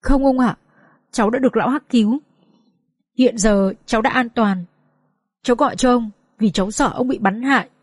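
A woman's voice: on the high side, normal speed, pauses often, dry recording, studio quality, close to an everyday voice. A woman voicing a tearful, frightened teenage girl who trembles and sobs, in a storybook reading. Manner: sobbing, trembling.

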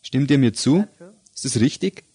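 Man preaching gently to children. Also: medium pitch, expressive, husky. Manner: asks the listeners simple direct questions; leads a slow prayer phrase by phrase for repeating. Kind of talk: sermon addressed to children and parents.

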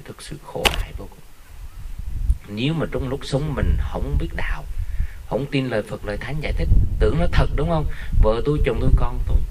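A man's voice: medium pitch, rough recording. Man, Buddhist monk, dharma talk, conversational, story-telling, faint background noise. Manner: conversational, tells funny stories, asks listeners often.

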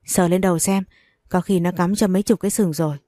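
A woman's voice: lowish voice, quick pace, dry recording, studio quality. A woman reading a first-person domestic drama aloud, voicing every character's lines in her own voice. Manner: even storytelling voice, reads all dialogue herself. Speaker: narrator. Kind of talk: scripted first-person story narration.

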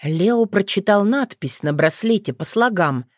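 A woman narrating a fantasy audiobook in an even, measured storytelling manner. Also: medium pitch, dry recording, studio quality.

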